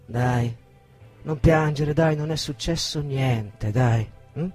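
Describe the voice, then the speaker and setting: A man reading a dramatic monologue as an abusive, aggressive man berating a woman, shifting from shouted insults to cold menace, with a husky voice. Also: mid-range voice, slow, faint music behind. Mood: bitter, mocking.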